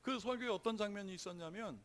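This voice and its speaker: A man's voice: high-pitched, quick pace, a bit bright. A male pastor preaching a sermon in a church, telling stories earnestly and growing emphatic. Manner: earnest storytelling that turns emphatic. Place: church sanctuary.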